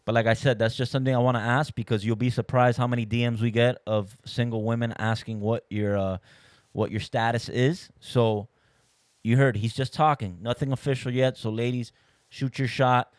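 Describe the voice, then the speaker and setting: A man runs a relaxed podcast interview, joking and ribbing his guest as he goes. His voice is mid-pitched and plain. The sound is close and dry, with no room around it. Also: normal speed, no echo. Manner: playful, teasing. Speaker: podcast host. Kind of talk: casual interview.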